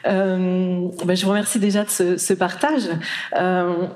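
A woman's voice: fairly low pitch, level tone, measured pace, darkish tone. A woman from Brittany giving a live conference talk in a hall, chatty, with many fillers and restarts. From Brittany, France. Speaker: conference speaker.

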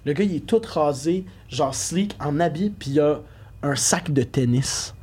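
A man's voice: a little high, animated, measured pace, a little mellow, husky. A young man with a Québécois accent, a podcast guest telling a story in a casual, slangy way full of fillers. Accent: Québécois French.

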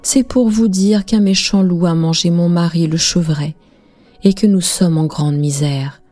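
A woman's voice: deep voice, dark tone. A woman voicing a sly, tearful mother goat in a storybook tale, pleading and wheedling.

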